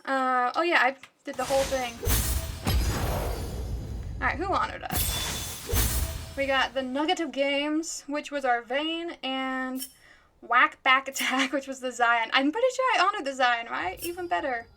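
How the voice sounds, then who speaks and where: A woman's voice: sits high, unhurried, pauses often, music in the background. A woman livestreamer giving chatty, giggly gaming commentary, laughing often.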